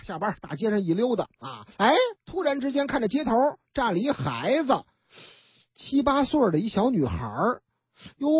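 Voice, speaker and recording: A radio host tells the news like a storyteller, her voice rising and falling a great deal. She sounds a little husky, and the recording is dry and dull, like a lo-fi radio broadcast. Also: a little high, no echo. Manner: chatty, lively storyteller who acts out the people in her stories.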